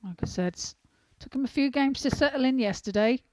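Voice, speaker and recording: A woman's voice: sits high, a little fast, a little mellow, a little hiss or hum. A woman giving conversational live commentary on a darts match.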